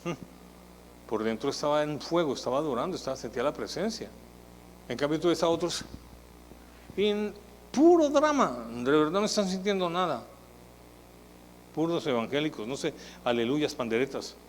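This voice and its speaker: A man preaching a sermon as pastor, in a conversational, animated way that acts out the people he quotes. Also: on the high side, a little fast, pauses often, in a large hall, a little hiss or hum, poor audio. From Colombia. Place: church hall.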